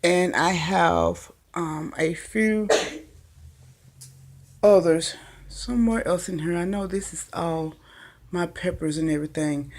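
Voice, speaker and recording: With slight background noise, a gardening vlogger records a chatty, wandering tour of her small makeshift indoor greenhouse on her phone, um-ing frequently. Her lowish voice has lively intonation, but she talks slowly and pauses often.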